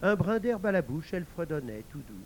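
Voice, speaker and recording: A man narrating a folk tale in a slow, deliberate, scripted telling. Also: fairly high pitch, sing-song, darkish tone, a little hiss or hum. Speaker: storyteller.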